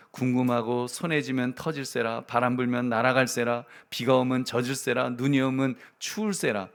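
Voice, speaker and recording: Conversational Korean pastor preaching. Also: male voice, on the high side. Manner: conversational preaching, addresses the congregation often, chuckles; swings between soft asides and loud emphatic peaks. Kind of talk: sermon.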